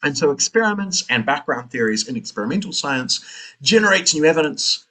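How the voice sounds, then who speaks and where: A man's voice: fairly high pitch, big pitch swings, fairly quick, pushed and bright. A man with a New Zealand accent giving an academic lecture, thinking aloud with many fillers and tag questions.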